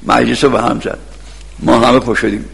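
A man delivers a sermon in a gravelly, husky voice, building stories that break into sudden shouts. His voice rings out with a long reverb, as in a big hall. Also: mid-range voice, little pitch movement. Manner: storytelling with sudden shouted outbursts. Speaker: preacher.

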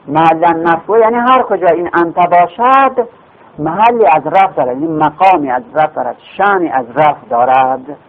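A man's voice: fairly high pitch, creaky, slight background noise. A man teaching grammar in a classroom lecture, explaining patiently, repeating terms and asking and answering his own questions. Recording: phone-like lo-fi recording.

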